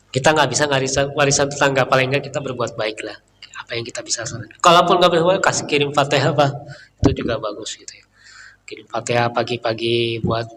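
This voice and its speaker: A middle-aged man giving a relaxed, chatty Islamic study talk in a mosque, often tagging his sentences with filler words. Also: mid-range voice, a little hiss or hum. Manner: chatty, leans on filler tags. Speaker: Islamic preacher. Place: mosque hall. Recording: reverberant hall, faint room ambience.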